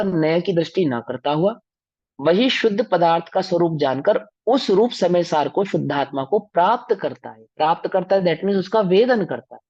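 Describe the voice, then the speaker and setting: A man's voice: high voice, darkish tone, no echo. Guy teaching a scripture class, checks if everyone gets it, dull dry recording. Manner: explanatory, asks the class rhetorical questions.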